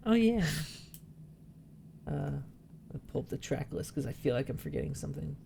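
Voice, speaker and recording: A man in his thirties talking casually on a podcast mic. He speaks in halting bursts and often restarts and repeats words. His remarks are self-deprecating. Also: a little high, lively intonation, gravelly, warm tone, a little hiss or hum. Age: 30s. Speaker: podcast co-host. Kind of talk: casual chat.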